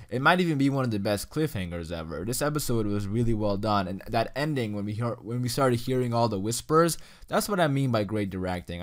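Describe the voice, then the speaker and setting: A man's voice: fairly low pitch, a bit bright. A young man giving a casual, enthusiastic ranking commentary, full of "you know" and "like.". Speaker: YouTube reviewer.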